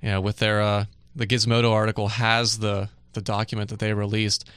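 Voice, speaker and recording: A man hosting a casual tech news podcast, chatty and relaxed, with lots of fillers and easy laughs. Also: on the low side, a little fast, smooth, dry recording, studio quality. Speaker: podcast host. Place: dry studio.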